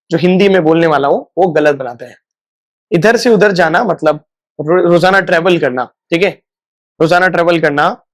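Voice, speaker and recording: A man's voice: sits high, no room sound, studio quality. A man teaching a spoken lesson in a chatty way, stretching out example sentences word by word. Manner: chatty, addresses viewers as guys and brother. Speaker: English teacher.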